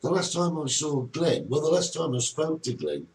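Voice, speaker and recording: Chatty jokey man, lively voice. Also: fairly high pitch, normal speed. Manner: chatty, jokey, reads out viewer comments. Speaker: co-host of a live social media chat. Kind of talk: casual live-stream chat. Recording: distant mic with faint background noise.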